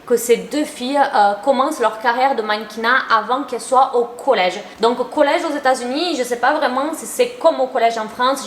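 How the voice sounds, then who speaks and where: A woman's voice: on the high side, slight background noise. A young adult woman giving casual, chatty commentary to her viewers, opinionated and full of slang. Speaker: YouTuber. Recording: roomy echo.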